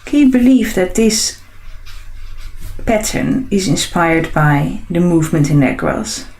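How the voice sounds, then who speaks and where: Sketching as she talks, this artist and host from the Netherlands speaks with a Dutch accent, drifting along with lots of ums and false starts. Her voice is lowish and darkish in tone, slow, with lively intonation.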